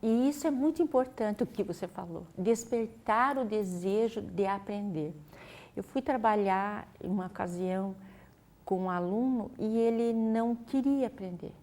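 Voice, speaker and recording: Woman teacher, patient and instructive, mid-pitched interview guest. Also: moderate pace, warm tone. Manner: patient, instructive, uses many fillers. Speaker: teacher explaining a literacy method. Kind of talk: explanatory studio interview.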